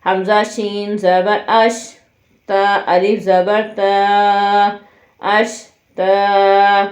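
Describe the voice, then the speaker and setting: A woman teaching Quran reading. She spells out each letter and vowel mark slowly, then blends them into the whole word. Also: medium pitch, level tone. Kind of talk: slow syllable-by-syllable drill with spoken explanations. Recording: muffled, echoey room.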